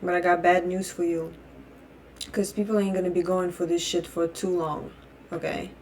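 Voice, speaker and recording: A young adult Russian woman, a native Russian speaker, vlogs an opinion rant in a lowish, fairly flat voice at a moderate pace, her tone a little mellow. She is blunt, heated and profane, swearing heavily and restarting phrases again and again. Slight background noise is audible.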